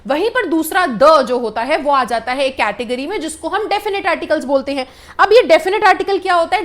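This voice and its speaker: Indian woman grammar teacher, high and patient, explains step by step. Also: a bit bright. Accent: Indian English. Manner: explains patiently, repeating points, often checking with the students; reads English example sentences slowly and deliberately. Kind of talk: classroom grammar lesson.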